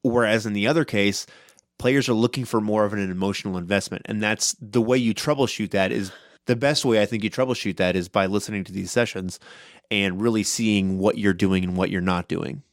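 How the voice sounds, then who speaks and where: A man with a somewhat low voice talks loud and quick on a casual podcast, often ending thoughts with "right?". The sound is dry and close, with no room around it. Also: no room sound. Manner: fast-talking, loud, with many "right?" tags. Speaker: podcast co-host and game master.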